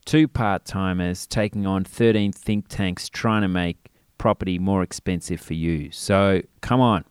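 A man hosting a radio podcast, chatty and self-mocking, his voice thin and tinny with no bass because it went through a laptop mic. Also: measured pace, smooth, no echo, studio quality. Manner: chatty, self-mocking, pleading for listener support. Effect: thin tinny sound with no bass, recorded through a laptop mic. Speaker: radio show host. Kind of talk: casual spoken intro to a podcast. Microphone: built-in laptop mic.

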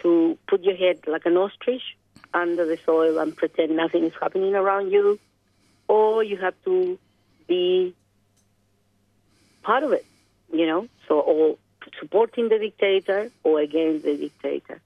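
Heard through a telephone on a dry, tinny connection, a Chilean woman being interviewed reflects aloud and hunts for the right words. Her lowish voice moves a little slowly, and the recording is dry.

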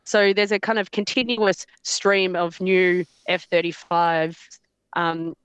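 A woman researcher speaking outdoors in a remote interview over glitching call audio that keeps cutting out, talking haltingly with many restarts and fillers. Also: fairly low pitch, flat delivery, fairly bright tone, smooth, no room sound. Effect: glitching, dropping-out call audio. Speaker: researcher guest.

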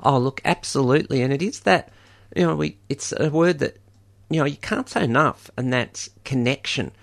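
A man's voice: mid-range voice, normal speed, vocal fry. A man presenting a community radio fundraiser, rambling with many ums and jokey asides, in a studio. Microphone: studio microphone.

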